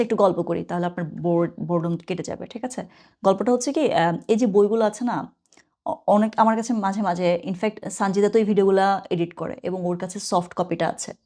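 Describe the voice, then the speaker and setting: A woman's voice: mid-range voice, a little mellow. A woman teaching a casual German lesson, chatty, thinking aloud and slipping in English phrases.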